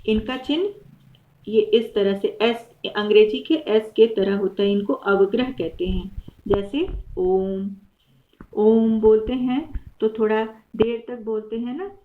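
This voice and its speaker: A woman's voice: a little high, background noise. Woman teacher on a tinny line. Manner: patient, explains slowly with many examples. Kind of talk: classroom grammar lesson. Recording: tinny phone-like recording.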